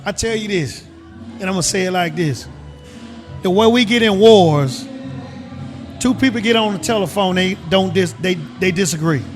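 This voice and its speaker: Middle-aged Southern man from Mississippi, high voice for his sex, slow emphatic guest storyteller, faint music underneath. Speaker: guest, retired government agent. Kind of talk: casual interview.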